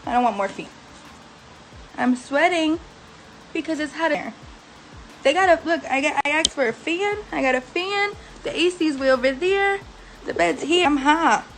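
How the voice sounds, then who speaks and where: Faint music plays behind a high, fairly bright voice speaking at a moderate pace, and the audio is poor. The young woman, post-surgery and in a recovery house bedroom, sounds aggravated and worn as she vents bluntly and profanely to the camera about her care.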